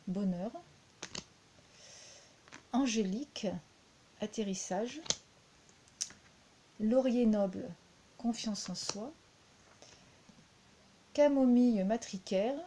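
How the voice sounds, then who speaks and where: A woman with a French accent talks through a card deck at a slow, unhurried pace. Her voice is soft and mellow, and she hesitates often, repeating words as she goes. A faint hiss sits under the recording. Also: mid-range voice. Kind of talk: unhurried spoken review.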